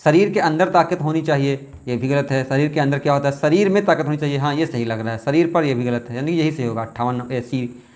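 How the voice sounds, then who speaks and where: A man teaching, working through exam questions aloud, repeating words slowly as he thinks aloud. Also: on the high side, a little mellow. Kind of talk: test question walkthrough.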